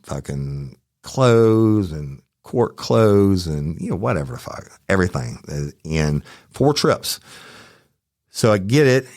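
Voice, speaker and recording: A man's voice: low-pitched, a little mellow, no room sound, studio quality. A man hosting a true crime podcast, telling a story in a casual, profane and heated way.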